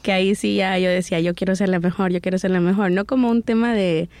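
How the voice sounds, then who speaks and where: A woman in her thirties with a Salvadoran accent, a guest telling her life story in an interview in a reflective, unhurried way. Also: medium pitch, steady tone, a little mellow, no echo. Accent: Salvadoran Spanish. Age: 30s.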